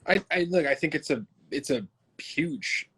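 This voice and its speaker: A man hosting an interview, talking in an animated way with many fillers. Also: on the high side, unhurried, slightly rough. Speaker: host. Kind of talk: conversational interview.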